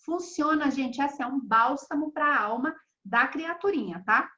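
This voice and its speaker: A woman with a high, bright voice leads an online mentoring class as a therapist. She talks in a chatty, animated way and acts out bits of dialogue. The audio comes through a slightly dull video call. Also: normal speed.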